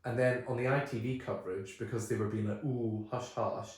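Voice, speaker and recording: A man co-hosting a podcast, telling stories in an animated, casual way with quick asides. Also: mid-range voice. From United Kingdom. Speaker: podcast co-host. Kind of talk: casual film chat. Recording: echoey room.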